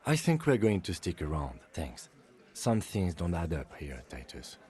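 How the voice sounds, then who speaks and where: A man's voice: sits low, huge pitch swings, measured pace, mellow, full character voice. An actor playing a reserved, precise male police lieutenant in a video game. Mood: firm.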